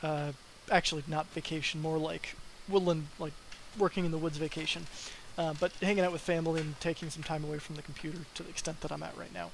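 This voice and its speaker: A man's voice: fairly high pitch, flat delivery, quick pace, vocal fry, hardly any pauses, slight background noise, poor audio. A young man chatting casually on his live development stream, rambling with lots of fillers and sounding tired.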